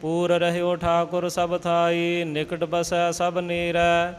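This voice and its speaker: Guy chanting scripture, clear smooth voice, kinda high, super steady. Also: big-room sound, soft background music. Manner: slow steady chant with brief spoken pronunciation notes. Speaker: scripture reciter. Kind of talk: chanted Sikh scripture recitation.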